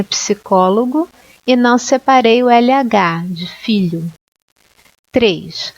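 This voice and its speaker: A woman teacher walks through grammar rules at an unhurried pace, spelling out letters and repeating each example word. Her voice sits a little high. The recording is dry and somewhat dull. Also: dry recording. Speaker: Portuguese teacher. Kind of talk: slow, deliberate grammar lesson.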